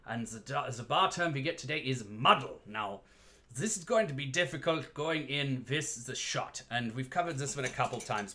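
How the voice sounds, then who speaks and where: This livestream host mixes drinks in the role of a playful "dungeon barkeep," keeping up a stream of theatrical showman chatter. He speaks in a mid-range, bright voice with a forceful edge.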